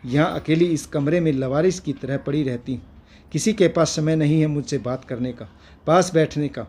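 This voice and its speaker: A bitter middle-aged wife and mother, aggrieved and complaining, read aloud by a man in a slightly high, husky voice. She sounds like a storybook figure who feels abandoned by her family. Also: normal speed, a little mellow. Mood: hurt, bitter.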